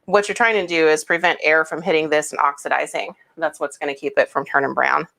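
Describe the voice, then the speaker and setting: A woman's voice: deep voice, fairly even intonation, a little fast, vocal fry, a bit bright, slight background noise. A woman hosting a home cooking demonstration, explaining each step in a chatty, homey way with casual asides. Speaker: cooking show host.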